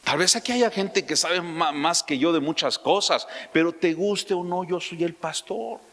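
A man preaching a sermon as pastor, emphatic, throwing out rhetorical questions and rising suddenly to loud lines. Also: on the high side, a little slow. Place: church. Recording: long church-hall reverb.

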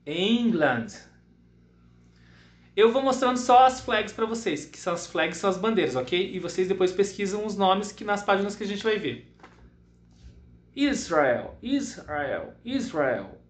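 High-voiced teacher in echoey room. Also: male voice. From southern Brazil. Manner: slow repeated English words for pupils to echo. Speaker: English teacher. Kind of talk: bilingual online class for children.

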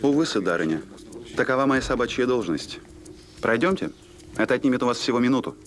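Fast-talking, dryly courteous military security officer, played by a man. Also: medium pitch, animated, slight background noise, natural voice. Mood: courteous, insistent. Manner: formally courteous, dry, insistent. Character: polite but relentless middle-aged male military security officer. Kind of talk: film acting.

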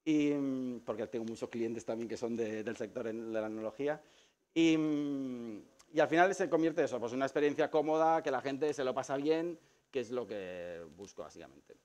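Casting: Catalan-man, relaxed, rambling photographer giving a studio tour. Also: mid-range voice, moderate pace. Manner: relaxed, rambling, many fillers and restarts; animated storytelling with acted quotes. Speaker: photographer showing his studio. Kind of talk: casual explanatory tour.

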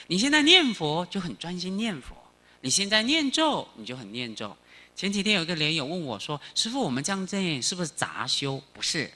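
Lively, bright-voiced male Buddhist lecturer. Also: sits high. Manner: animated, chanting phrases slowly, quizzing the audience. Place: lecture hall.

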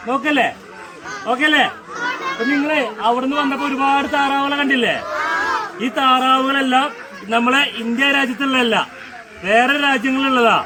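A man's voice: extremely high pitch, fairly even intonation, a little fast. A man working as a farm guide, giving a playful outdoor class to schoolchildren and quizzing them with questions, raising his voice to be heard. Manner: raises voice to be heard over the children. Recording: loud crowd of children and outdoor noise. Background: loud chatter of many children outdoors.

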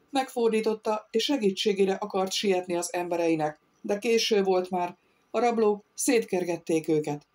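A woman narrating an audiobook in a steady, measured storytelling voice. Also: medium pitch. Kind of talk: scripted narration.

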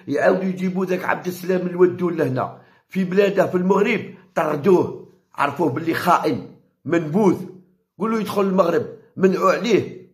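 A high-voiced man with an Algerian Arabic accent ranting straight to camera on his own channel. His delivery is heated and insistent, and he keeps circling back to the same phrases to drive each point home. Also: creaky. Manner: heated, repeats phrases for emphasis. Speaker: channel host. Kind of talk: impassioned direct-to-camera rant.

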